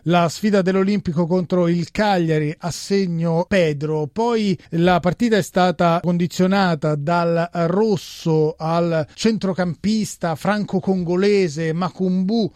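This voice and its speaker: Male sports radio presenter, high voice, football round-up, dry studio sound. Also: slow pace, hardly any pauses, darkish tone, no room sound.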